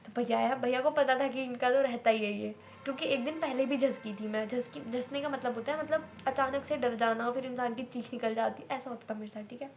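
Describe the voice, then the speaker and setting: A woman's voice: fairly high pitch, steady tone, brisk, few pauses. A young woman telling a personal story in a casual, chatty way, full of fillers and repeats. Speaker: vlogger.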